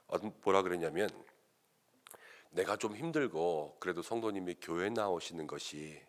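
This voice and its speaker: A male pastor telling a story in a sermon, acting out the voices of the people in it. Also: on the low side. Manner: animated, acts out quoted voices of others. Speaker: senior pastor.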